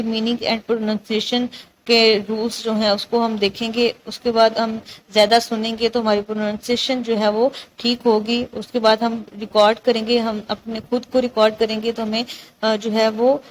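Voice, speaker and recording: Lady tutor reviewing for exams, keeps asking "theek hai?", a bit high, faint hum in the back. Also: low-quality recording. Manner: repetitive, checks in with "theek hai?". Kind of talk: exam-prep lecture.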